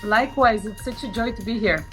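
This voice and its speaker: A woman's voice: on the high side, fairly quick, soft background music, poor audio. A woman from Bulgaria, a guest in an interview, speaking casually with many fillers and restarts.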